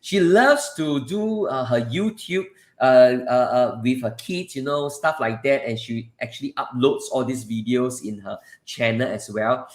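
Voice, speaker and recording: A man's voice: mid-range voice, measured pace, few pauses. Singaporean man hosting in an echoey room. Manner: repetitive, conversational, often addresses listeners directly. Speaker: live session host and property adviser. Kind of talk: casual live-stream advice. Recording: roomy, echoing sound.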